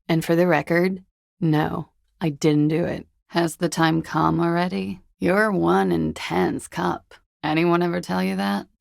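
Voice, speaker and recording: Klaasje, husky, creaky, jaded flirt. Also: female voice, lowish voice, a little mellow, no echo, clean studio sound, full character voice. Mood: dismissive, teasing, then coolly amused. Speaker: video game character. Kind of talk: video game dialogue.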